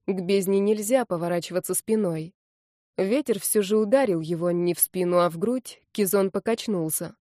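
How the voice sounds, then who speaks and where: A woman narrating an audiobook in the first person, in an expressive storytelling manner. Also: mid-range voice, moderate pace, no echo, studio quality.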